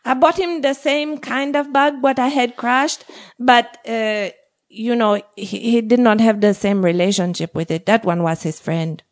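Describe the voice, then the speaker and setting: A woman speaks as a podcast guest in a casual, conversational way. Her voice is high. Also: fairly even intonation, a little slow. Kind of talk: casual chat.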